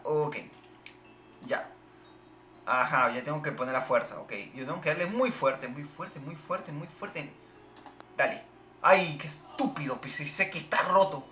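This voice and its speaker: Excitable swearing gamer with lively pitch. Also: male voice, slight background noise. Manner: excitable, swearing, shouting at the game. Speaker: gamer playing a game on video. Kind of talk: live gameplay commentary. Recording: echoey room with game music behind.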